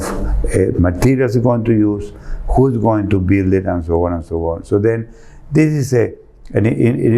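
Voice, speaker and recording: Argentine man, low and mellow. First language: Spanish. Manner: earnest, searching for words, rephrasing. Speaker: architect guest. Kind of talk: interview answers.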